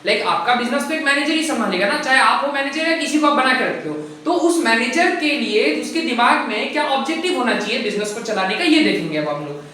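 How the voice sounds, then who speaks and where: Fast-talking male tutor, very echoey room. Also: very high voice, pushed and bright. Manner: fast-talking, says so himself; mixes Hindi with English, slows down to read English definitions. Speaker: teacher. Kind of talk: recorded lecture explaining from handwritten notes. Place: room with board, writing notes. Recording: very echoey room, voice far from the mic.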